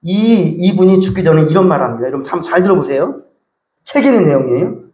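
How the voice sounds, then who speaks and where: A man's voice: on the high side, lively intonation, fast, darkish tone. A male pastor delivering a sermon, telling a story and speaking directly to his congregation. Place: church sanctuary. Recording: echoey church hall.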